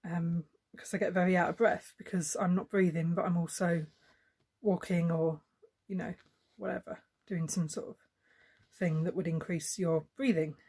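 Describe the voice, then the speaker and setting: A woman's voice: fairly low pitch, fairly even intonation, normal speed, darkish tone, slightly rough. A woman chatting casually while she stitches, rambling and thinking aloud with plenty of fillers and restarts. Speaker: cross-stitch vlogger.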